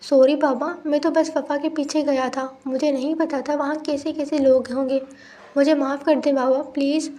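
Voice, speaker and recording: A young adult son pleading and apologizing to his parents, read aloud by a woman. The delivery is high-pitched and even, with a soft tone. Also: moderate pace. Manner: begging, apologetic.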